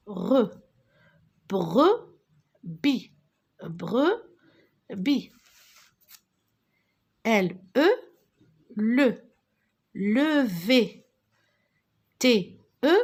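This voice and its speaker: Slow, lively-voiced woman teaching reading. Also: fairly high pitch. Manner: slow, syllable-by-syllable spelling and repetition. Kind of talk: reading lesson for young children.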